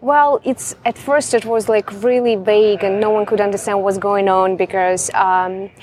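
A woman's voice: medium pitch, fairly even intonation, moderate pace, darkish tone. Young woman telling her story. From Ukraine. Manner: chatty, fills with "like" often. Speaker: guest. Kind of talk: casual interview storytelling.

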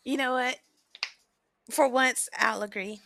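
Woman, about 30, podcast guest: bright, high-ish, giggly and self-deprecating, dry close mic. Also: steady tone, slow pace, vocal fry, dry recording. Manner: laughs often, chatty and self-mocking. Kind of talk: casual chat.

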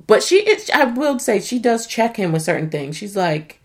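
Animated slangy woman recapping a show. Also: mid-range voice, moderate pace. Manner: animated, swears, laughs a lot, slangy. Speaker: show reviewer. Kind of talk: casual chat recapping a reality show.

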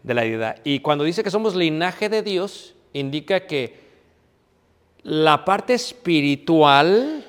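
Preaching slowly in a sing-song voice, a man gives an emphatic sermon, posing questions and answering them on his own. He turns quiet and low for a personal story. Recorded in a hall with long reverb.

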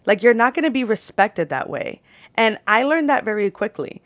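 A young American woman with roots in New York and Florida hosts a podcast, casually telling personal stories to camera outdoors at home, chatty and candid, with "like" constantly used as filler. Her voice sits fairly high with big pitch swings, a moderate pace, and a slightly bright tone, with no room sound.

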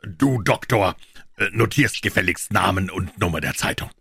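A man voicing a shrewd, calm detective who explains in a low, measured, quietly assured way in an audiobook. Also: gravelly, husky, no echo, studio quality, exaggerated voice. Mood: dry. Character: shrewd calm male detective, dryly ironic. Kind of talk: audiobook character voice.

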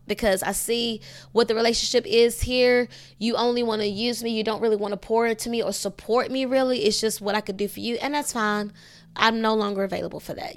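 A woman's voice: fairly high pitch, dry recording. A woman podcast host and intuitive coach, talking casually and bluntly, with lots of "you know" and some swearing.

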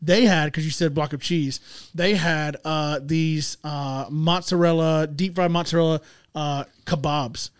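Podcast host guy, kinda high voice, dry close sound, rambly stories full of uhs. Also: steady tone, unhurried, clean tone, no room sound. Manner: rambling, filler-heavy storytelling. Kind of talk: casual chat.

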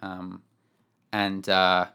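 A man's voice: low-pitched, monotone, very slow, bright, forceful tone, smooth. A man co-hosting a podcast from home, chatting casually about a game in a rambling, wry way, often correcting himself. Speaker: podcast co-host. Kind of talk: casual chat.

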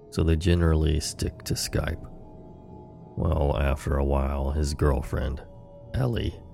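Very deep, gravelly male horror host. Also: warm tone. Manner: horror host, slow ominous campfire storyteller. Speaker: horror story podcast host. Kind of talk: scripted narration of scary stories.

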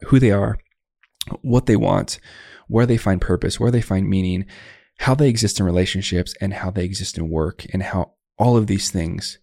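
A young podcast host with a deep, mellow voice and some vocal fry reads a promotion for his own workshop, then eagerly welcomes a guest over a remote call, heaping on effusive praise. The sound is clean studio quality with no room sound.

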